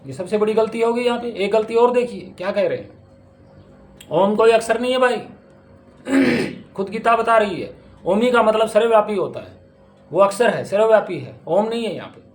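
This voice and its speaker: A man's voice: high-pitched, lively intonation, moderate pace. A man giving a spiritual discourse on scripture, speaking emphatically and posing rhetorical questions. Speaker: spiritual teacher.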